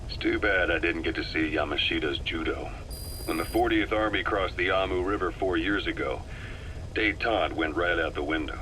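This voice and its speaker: In a rough recording with faint tape noise, a poised, worldly military man delivers a measured, matter-of-fact briefing to a comrade in a video game, speaking in a low voice with a hard, bright edge.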